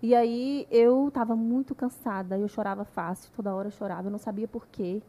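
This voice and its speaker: A woman, soft-spoken and reflective in a casual podcast chat. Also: on the high side, steady tone, fairly quick. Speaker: podcast guest.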